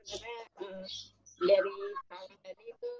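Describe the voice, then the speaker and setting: A woman's voice: medium pitch, very animated, moderate pace, dark tone. A young woman joining by video call gives short, hesitant answers, her voice breaking up over a bad connection. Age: young adult. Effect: choppy, breaking-up video call audio. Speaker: online participant. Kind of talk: casual chat. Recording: dull lo-fi video call line.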